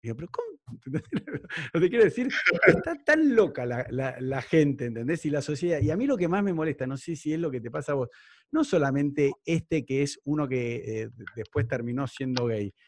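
A man with an Argentine accent interviewing a guest, telling anecdotes with lively tag questions in a casual conversation. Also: on the high side, normal speed, no room sound, clean studio sound. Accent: Argentine Spanish.

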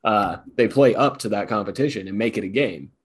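A man's voice: on the low side, brisk, husky. A man co-hosting a sports podcast, talking loosely and in a rambling, self-deprecating way. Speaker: podcast co-host. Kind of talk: casual sports talk.

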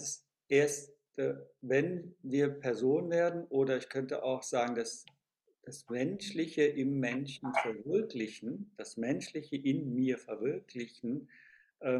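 A man speaks as a podcast guest at an unhurried, deliberate pace. He thinks aloud, often pausing on hesitant filler sounds while he searches for the right word. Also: mid-range voice, a little mellow. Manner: thoughtful, searching for words with many filler sounds. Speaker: guest discussing education theory. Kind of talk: reflective conversation.

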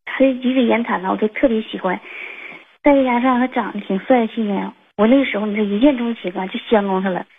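A woman's voice: fairly high pitch, brisk, husky. A woman, calling in and telling a personal story in a rambling way, full of fillers and restarts. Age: 20s. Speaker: caller. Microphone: phone. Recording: tinny phone line.

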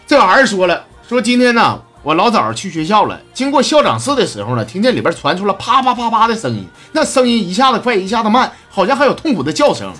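A man with a Northeastern Chinese accent hosts a joke segment, and his voice swings widely up and down as he tells each one. He sits a little high for a man and chuckles at his own punchlines. Music plays clearly behind him. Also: sing-song, fast talker, few pauses, a bit bright. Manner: playful, laughs at his own jokes. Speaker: host reading listener jokes. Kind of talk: comedic joke reading.

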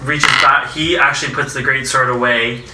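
A man's voice: medium pitch, steady tone, normal speed, far from the mic. A man running a tabletop game as game master, narrating casually. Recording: noisy echoey room, off mic.

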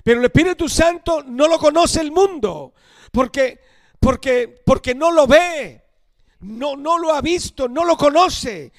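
An older man from Colombia preaching a sermon as a missionary, emphatic, slowing and dropping to a hush on key phrases. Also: very high voice, dry recording.

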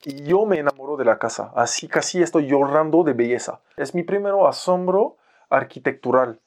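A young man from France with a French accent, a photographer telling an animated story in a podcast conversation and mixing in Mexican slang. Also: on the high side, moderate pace. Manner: animated, playfully acts out other people's lines in raised voices, uses Mexican slang. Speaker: photographer guest.

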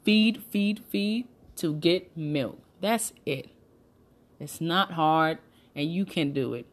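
A woman's voice: low-pitched, takes it slowly. A woman hosting a breastfeeding support talk, giving new mothers emphatic, repetitive, reassuring advice in casual, colloquial speech.

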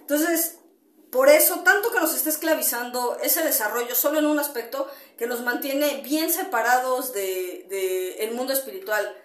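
A woman's voice: sits high, moderate pace, fairly bright tone. Rambling woman podcaster, roomy echo. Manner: rambling, frequent fillers and tag questions; greets listeners mid-talk. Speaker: podcast host. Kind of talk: casual solo podcast monologue.

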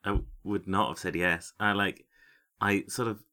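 A man's voice: fairly low pitch, steady tone, a little slow, pushed and bright. A man playing a tabletop game, talking in a hesitant, rambling way with many fillers. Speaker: player. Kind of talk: casual tabletop role-play.

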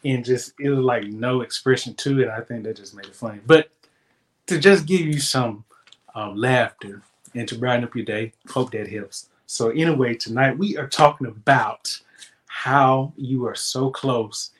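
A man's voice: mid-range voice, moderate pace. A man hosting a casual devotional talk, upbeat and encouraging in a loose conversational way. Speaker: devotional host.

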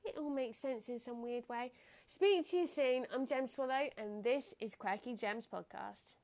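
Her pitch sits fairly high and her pace is moderate, with a slightly mellow, nasal, stuffed-up quality. Chatting alone on her podcast, this young host muses reflectively and breaks into frequent laughter.

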